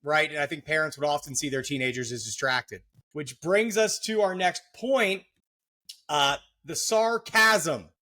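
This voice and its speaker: A man's voice: fairly high pitch, unhurried, pushed and bright. A middle-aged man hosting a podcast, explaining psychology in a casual, joking way with lots of fillers. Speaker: podcast host, therapist.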